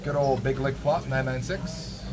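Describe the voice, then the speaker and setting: A man's voice: mid-range voice, fairly even intonation, measured pace. A man giving casual live poker commentary as a stream host, chatty and full of slang. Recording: noisy room with loud background ambience.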